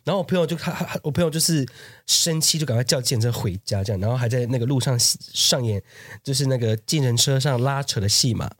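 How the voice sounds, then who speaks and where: A man tells a story on a relaxed podcast, acting out the other people's lines as he goes. His voice sits at an ordinary pitch. It is recorded close and dry, with no room sound. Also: fast talker, no echo. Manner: animated storyteller who acts out quoted voices. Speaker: podcast co-host. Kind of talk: casual chat.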